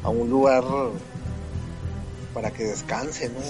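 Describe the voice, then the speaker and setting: A man's voice: medium pitch, steady tone, measured pace, over music, rough recording. A man, co-hosting a podcast in casual chat and reacting with slangy exclamations. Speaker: podcast co-host.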